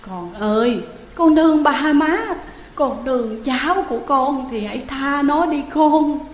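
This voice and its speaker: A woman's voice: medium pitch, expressive, unhurried, roomy sound, long reverb tail, slight background noise, natural voice. A woman voicing a grieving older village mother who speaks in a tearful, imploring way.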